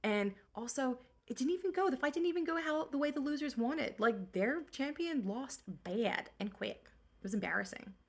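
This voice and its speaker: A woman with a high-pitched, lively voice, set above her natural register and moving at a moderate pace, plays a sheepish young man who apologizes using slang.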